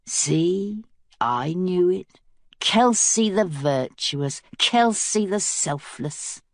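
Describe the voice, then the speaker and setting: A woman's voice: on the low side, animated, drawn-out words, no echo, studio quality. A woman voicing a cynical, scheming male prisoner who speaks in a mocking drawl.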